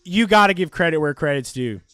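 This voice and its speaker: A man hosting a live race stream, giving excitable, profane, jokey commentary. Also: a little high, brisk, clear, resonant tone, no echo, studio quality, soft background music.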